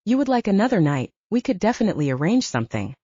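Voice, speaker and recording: A woman voicing a polite, fussy older male hotel desk clerk in an audiobook, speaking in a smooth, courteous manner. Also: medium pitch, sing-song, fast, mellow, no echo, lo-fi sound.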